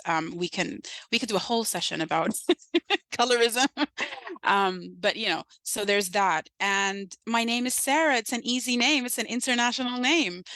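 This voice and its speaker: Speaking as a guest in a podcast conversation, a woman from Sudan, probably in her thirties, makes her points earnestly and emphatically, regularly checking in with "right?". Her Sudanese accent has a light British lilt, and her medium-pitched, sharp-toned voice comes through on a dry recording.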